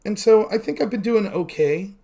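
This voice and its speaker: A man's voice: sits high, normal speed, vocal fry, dark tone. A man in his thirties, chatting candidly on his own stream, rambling with many fillers and poking fun at himself. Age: 30s. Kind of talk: casual solo stream chat.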